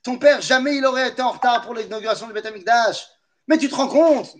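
A man's voice: very high-pitched, quick pace, pitched above the performer's own voice. A man putting on a scolding mother with a Tunisian accent. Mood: reproachful. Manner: scolding, reproachful.

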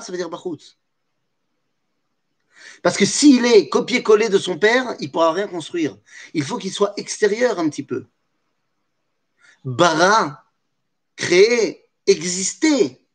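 A man giving a religious Torah lesson, asking rhetorical questions and answering them himself, with Hebrew terms woven into his speech. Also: sits high. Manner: mixes Hebrew terms into French. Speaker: Torah teacher.

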